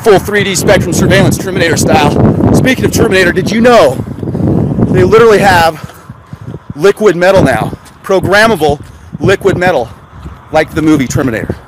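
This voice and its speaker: High-voiced man rambling outdoors by traffic. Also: fairly quick, pauses often. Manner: sarcastic, rambling, rhetorical questions. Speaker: conspiracy vlogger. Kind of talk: live-streamed outdoor vlog. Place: outdoors by a road, on foot. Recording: noisy outdoor phone audio with traffic and wind. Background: traffic and wind.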